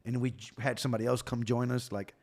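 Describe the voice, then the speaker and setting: A man's voice: medium pitch, level tone, quick pace. A man co-hosting a podcast, chatting casually in a laid-back way, swearing often and filling his talk with "like" and "right?". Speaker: podcast co-host.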